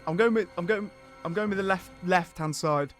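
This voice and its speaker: A man's voice: high voice, moderate pace, a bit bright, faint music behind. A man hosting a casual radio quiz, chatty and self-deprecating, often hesitating as he goes. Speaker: radio host.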